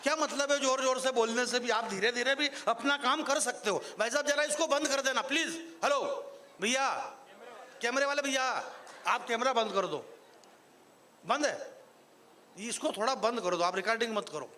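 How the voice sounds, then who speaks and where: A man's voice: very high voice, moderate pace, bright, forceful tone, slight background noise. A man from Marwar performing as a stage poet, mixing joking asides with rising declamation at a live event. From Marwar, Rajasthan. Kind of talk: live poetry recital with banter. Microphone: stage microphone.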